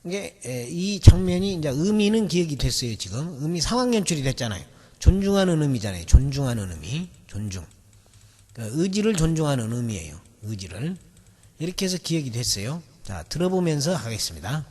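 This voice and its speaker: A man's voice: on the high side, sing-song, brisk, a little mellow, slightly rough. A man teaching in a recorded video lecture, explaining patiently and repeating and stretching out key words. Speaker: English memory-method teacher. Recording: long reverb of a hall.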